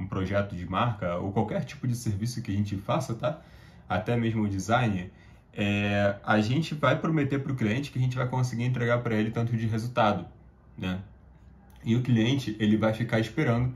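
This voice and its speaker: A young man in his twenties with a Brazilian accent gives casual advice straight to camera, pausing often and tacking little tag questions onto his sentences. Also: mid-range voice. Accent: Brazilian Portuguese. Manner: hesitant, full of tag questions and restarts. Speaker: YouTuber giving career advice. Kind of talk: casual talking-head advice.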